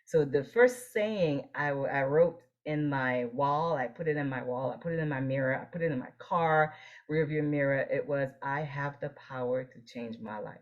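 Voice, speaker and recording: A Haitian woman, an optometrist and leadership coach, is the guest in an interview, sharing her personal story in an earnest, reflective tone. Her voice rumbles low at a moderate pace, and the audio sounds dull.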